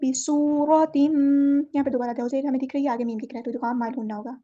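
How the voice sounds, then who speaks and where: A woman teaching Quran recitation rules, explaining each word and then reciting it slowly and drawn out. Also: on the high side, fairly even intonation, warm tone, lo-fi sound. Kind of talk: tajweed lesson.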